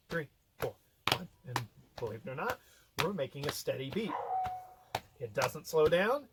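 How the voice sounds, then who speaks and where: A man music teacher explaining a steady-beat game to a class in a lively way. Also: on the high side, noisy background. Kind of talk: classroom instruction.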